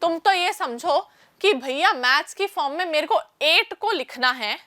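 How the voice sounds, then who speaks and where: A woman's voice: high-pitched, animated, measured pace, bright, forceful tone, no echo. A woman teaching a maths lesson step by step, asking questions and answering them herself. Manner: explains step by step, calls listeners "children"; asks and answers her own questions. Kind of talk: online class lesson.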